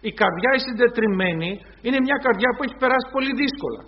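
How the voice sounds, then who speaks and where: A high-pitched man delivers a sermon, often turning to his listeners as brothers and acting out little dialogues as he speaks. The recording sounds dull and lo-fi. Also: animated. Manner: retells scenes in quoted voices, addresses congregation as brothers. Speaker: preacher.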